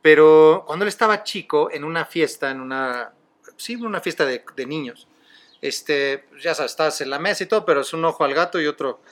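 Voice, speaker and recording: A middle-aged podcast host with a Mexican accent speaks at normal speed in a somewhat high, fairly bright voice. He tells stories in a chatty, casual conversation and laughs easily.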